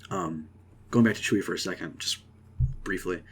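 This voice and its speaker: A young man casually rambling through an excited movie reaction, with lots of fillers and restarts. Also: low voice, normal speed, slightly rough. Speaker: vlogger.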